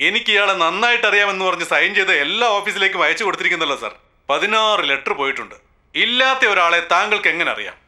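A brash male TV reporter fires off sarcastic, pressing questions. His voice is rapid, with a bright, cutting edge and a slightly raised pitch. It sounds like a dubbed film scene. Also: big pitch swings, full character voice. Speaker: TV news anchor questioning an official.

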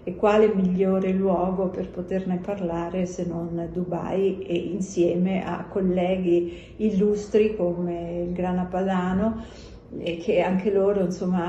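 Low, mellow-voiced woman in a video message. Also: dull audio. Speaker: company president. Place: indoor office or room. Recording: echoey room, faint background noise.

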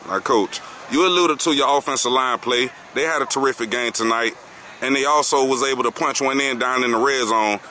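Bright sports interviewer. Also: male voice, mid-range voice, brisk, a little hiss or hum. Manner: formal, says "yes, sir" after each answer. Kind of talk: postgame interview questions. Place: outdoor football field at night.

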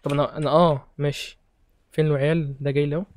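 A young man with an Egyptian Arabic accent giving excitable, joking let's-play commentary while he plays, shouting at other players. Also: fairly high pitch, rapid-fire. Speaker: gaming streamer.

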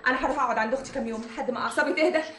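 An actress with an Egyptian accent playing a neglected, resentful wife who complains reproachfully in a stage comedy. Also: female voice, high voice, very fast, fairly bright tone, roomy sound.

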